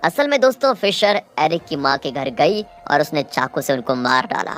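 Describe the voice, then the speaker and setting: A woman with a low voice retells a movie's plot in a dramatic storytelling manner. She talks to viewers directly, as if to friends. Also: sing-song, normal speed, fairly bright tone, faint music behind. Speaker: movie recap narrator.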